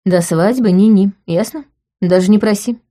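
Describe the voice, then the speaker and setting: A self-assured young man who teases calmly and never loses his grin, as a woman reads him aloud. He speaks in a mellow, darker tone, steady and sure of himself, in an audiobook. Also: medium pitch, normal speed, close to an everyday voice. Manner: calm, teasing, sure of himself. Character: confident teasing young man, a brooding group leader. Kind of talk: audiobook character voice.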